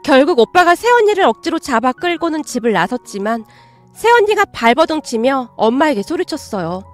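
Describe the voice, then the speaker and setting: Expressive young woman narrating a radio story. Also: high voice, brisk, faint music behind.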